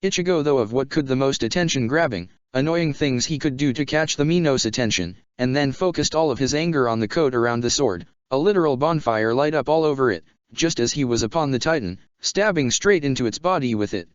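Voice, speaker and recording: A man reading a fan fiction story aloud in a steady, even way. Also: mid-range voice, brisk, hardly any pauses, clear, resonant tone, no echo. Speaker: narrator. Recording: dull lo-fi sound.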